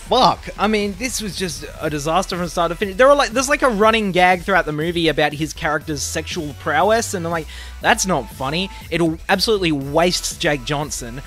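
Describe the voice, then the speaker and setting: A young man with an Australian accent rants through a casual review, his voice sitting a little high. He sounds exasperated and sarcastic and swears freely. Faint music plays behind him. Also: fairly bright tone. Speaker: movie reviewer.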